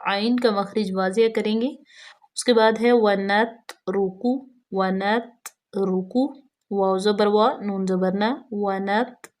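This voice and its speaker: A woman gives a patient recitation lesson. She stretches each recited word out slowly and carefully, then breaks into brisk, matter-of-fact explanations of how each sound is formed. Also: medium pitch. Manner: slow drawn-out recitation alternating with quick explanations. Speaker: Quran recitation teacher. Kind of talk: tajweed lesson, letter by letter.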